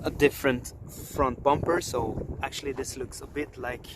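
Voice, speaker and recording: With wind and outdoor background noise around him, a young man from Sweden vlogs about his new car at a fuel station and next to the car. He's chatty, cheerful, and pokes fun at himself, speaking with a Swedish accent in a medium-pitched voice with fairly even intonation at a normal speed.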